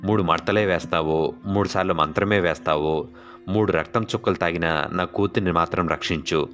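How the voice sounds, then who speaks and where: A man's voice: low voice, moderate pace, a bit bright, faint music behind. A man voicing a desperate male engineer who pleads urgently for his daughter. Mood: pleading.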